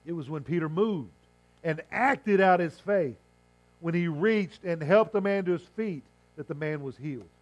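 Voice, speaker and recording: A man preaching a sermon, hoarse, with emphatic phrasing, rhetorical questions and slow stressed lines. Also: fairly high pitch, lo-fi sound. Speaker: pastor.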